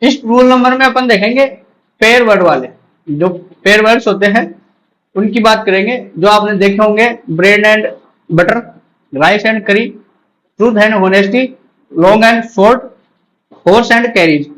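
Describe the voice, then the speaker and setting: A man with a high voice teaches English grammar to exam candidates. He explains in Hindi with English terms mixed in. He repeats each rule and checks understanding with short questions. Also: a bit bright, low-quality recording. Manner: repeats key terms, asks the class quick check questions. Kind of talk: exam-prep grammar lecture.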